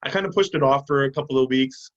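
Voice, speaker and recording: A young man in his twenties, a guest telling animated stories with laughs in a casual video call chat. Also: medium pitch, quick pace. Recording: dull lo-fi video call audio.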